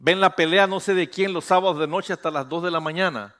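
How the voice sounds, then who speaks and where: A man's voice: high-pitched, brisk, a bit bright. A middle-aged man, a pastor preaching a sermon, calling on the congregation to repeat after him and rising to emphatic peaks.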